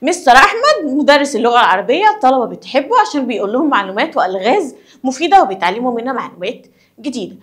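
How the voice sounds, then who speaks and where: A woman's voice: high-pitched, very animated, rapid-fire, a bit bright. Egyptian woman teaching young pupils. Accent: Egyptian Arabic. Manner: asks the class questions and answers them herself. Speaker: primary school teacher. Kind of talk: lesson explanation for children.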